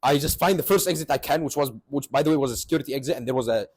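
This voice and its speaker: A man's voice: mid-range voice, very fast, darkish tone, slightly rough. A young man telling a comic story on his vlog, sarcastic and exaggerated, at times rising to mock outrage. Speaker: vlogger. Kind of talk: comedic storytelling.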